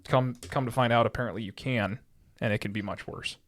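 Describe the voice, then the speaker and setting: Male podcast co-host, rapid casual sports chatter, rambling delivery. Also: mid-range voice, fairly bright tone. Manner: rambling, repeats himself when worked up.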